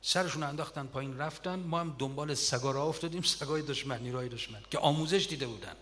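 Man preaching emotional war stories, voice a bit high, long echoey hall. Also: slight background noise. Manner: earnest, emotional retelling of wartime stories with swelling loudness. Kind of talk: sermon-style storytelling.

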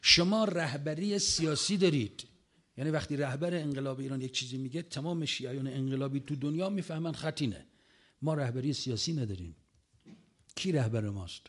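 A man's voice: medium pitch, darkish tone. A man telling an audience about a long conversation, acting out the quoted lines as he retells them.

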